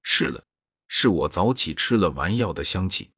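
A man's voice: low voice, animated, moderate pace, sharp tone, slightly rough, no echo, studio quality, full character voice. A man reading as a reserved young noblewoman. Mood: gentle. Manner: read in the narrator's own voice.

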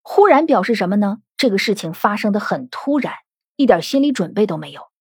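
Breathy woman posing rhetorical questions. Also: mid-range voice, sing-song, fairly quick, darkish tone, dry recording, studio quality. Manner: analytical, full of rhetorical questions. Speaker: literature commentator. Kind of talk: podcast commentary on a classic novel.

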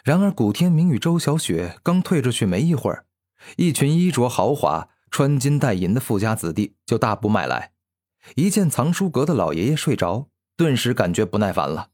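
A man narrating a fantasy web novel in an expressive storytelling manner. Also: mid-range voice, moderate pace. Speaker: audiobook narrator.

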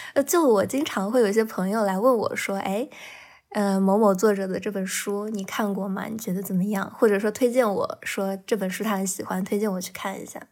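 Speaking a little quickly with fairly even intonation, this novelist guest has a medium-pitched woman's voice with a darkish tone. She is candid and reflective in a laid-back podcast chat, with the occasional laugh between her thoughts.

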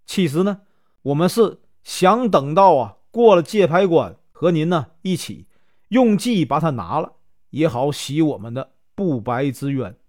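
A man's voice: a little high, big pitch swings, unhurried, a little mellow. A man doing a cunning, coaxing young officer. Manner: urgent, coaxing.

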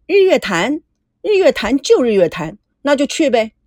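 A woman's voice: sits high, sing-song, moderate pace, darkish tone, dry recording, clean studio sound. A woman voicing a stubborn older father who speaks curtly and sarcastically. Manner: curt, grumbling, sarcastic. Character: gruff stubborn older father, a company chairman.

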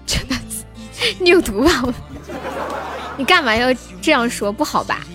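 A young woman hosts a casual livestream with a high, light voice. She chats with viewers and laughs often. Soft music plays faintly behind her. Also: very animated, a little slow, some chatter behind. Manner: chatty, laughs often, reads out viewer names. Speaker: livestream host.

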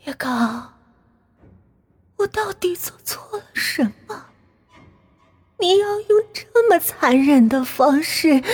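A woman voicing the ghost of a murdered young woman in a horror story, her ethereal voice sounding disembodied, high, slow and grieving. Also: full character voice. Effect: disembodied, ethereal distant voice.

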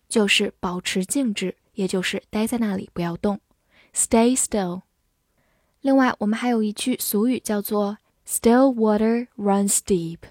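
A woman teaching English vocabulary. She spells words out letter by letter and repeats phrases slowly. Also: mid-range voice, darkish tone, dry recording, studio quality. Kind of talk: vocabulary lesson with slow read-alouds.

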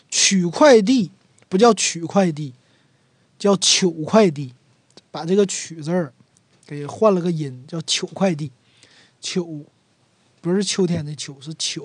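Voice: medium pitch, moderate pace, a little mellow, slightly rough, no room sound. A speaker from Northeast China with a Northeastern Mandarin accent, casually explaining local words and acting out sample phrases. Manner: chatty, acts out everyday sample phrases. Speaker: dialect explainer.

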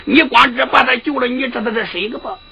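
A woman storyteller voicing a bold, sharp-tongued young noblewoman warrior who answers back with quick retorts. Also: on the high side, gravelly, muffled recording, crowd noise. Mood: defiant. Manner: pleading then cutting, quick retorts. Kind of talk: Henan zhuizi sung storytelling.

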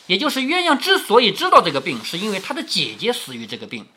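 A man's voice: sits high, huge pitch swings, fast talker, pushed and bright, a little hiss or hum. A man reading a classic novel aloud to his daughter, breaking off for chatty, explanatory asides. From southern Jiangsu, China. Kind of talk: storytelling with commentary.

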